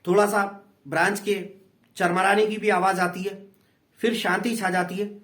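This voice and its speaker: A man's voice: high-pitched, level tone, measured pace, a bit bright. A man with an Indian accent, an English tutor patiently explaining a play in a class lesson. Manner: patient, repeats and explains in two languages.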